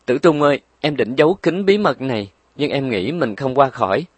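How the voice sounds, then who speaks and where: A man's voice: mid-range voice, normal speed, slightly rough, no room sound, voice pushed up, close to an everyday voice. A man voicing a frail young mother who is desperate and pleading, in a weak, raised voice. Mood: tearful.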